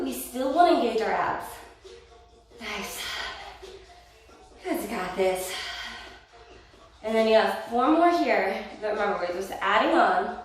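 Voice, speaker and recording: A woman's voice: on the high side, a little hiss or hum. Encouraging, winded woman instructor in an echoey room. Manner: encouraging cues and counting reps. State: winded from exercising. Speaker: Pilates instructor. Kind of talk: workout instruction. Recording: roomy echo, distant mic, faint music.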